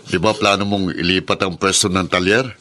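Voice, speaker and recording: An actor playing a kind, concerned middle-aged uncle who asks worried questions and gently scolds. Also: male voice, low-pitched, steady tone, fairly quick. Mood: friendly. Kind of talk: dramatized story acting.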